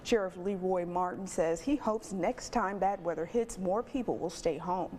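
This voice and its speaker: A woman news anchor reading the evening headlines in a crisp, measured newsreader manner. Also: lowish voice, dark tone, a little hiss or hum.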